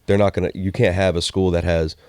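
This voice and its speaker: A man with a very deep voice gives blunt, matter-of-fact takes on college sports. He is heard close and dry, like a host at the table. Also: little pitch movement, fast talker, darkish tone, clean tone, no room sound. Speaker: podcast co-host. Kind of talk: casual sports talk.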